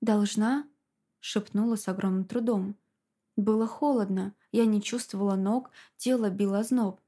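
A woman narrating a novel in a measured, quiet, dramatic reading. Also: medium pitch, fairly even intonation. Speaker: audiobook narrator. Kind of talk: scripted narration.

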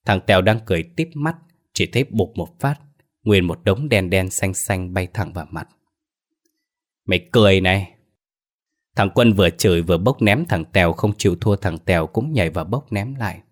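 A man's voice: sits low, animated, fairly quick. A man narrating a folk horror story in a plain, earthy storytelling manner.

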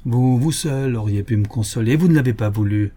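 A demanding, irascible old baronet on his deathbed, voiced by a male audiobook reader in a mellow, husky tone pushed higher and louder. He presses his demands and flares into angry orders, a storybook drunkard used to being master in his own house. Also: fairly quick, lightly acted. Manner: insistent and commanding, rising to angry outbursts.

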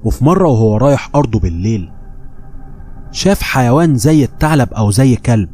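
Mellow Egyptian man narrating horror. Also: mid-range voice, a little fast, soft background music. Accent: Egyptian Arabic. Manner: steady storytelling, voicing quoted people. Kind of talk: scripted horror story narration.

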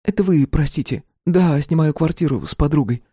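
A man voicing a tired, principled young woman who talks in a sharp, defensive way. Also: on the high side, normal speed, husky, dry recording, clean studio sound, voice pushed up. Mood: flustered.

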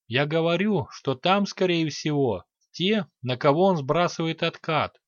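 A man voicing a quick, indignant scholarly count in an audiobook. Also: on the high side, lively intonation, no echo, dull audio. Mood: explaining.

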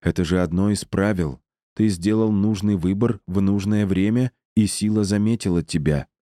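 A man reading an audiobook voices a calm, solemn and kind female river spirit. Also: fairly low pitch, normal speed, no echo, studio quality, lightly acted.

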